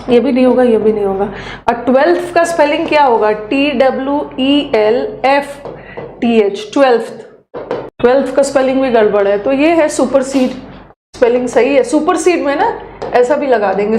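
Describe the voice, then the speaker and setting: A woman teacher, leading a live online class and briskly spelling out words letter by letter. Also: sits high, darkish tone. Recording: echoey room with faint hum.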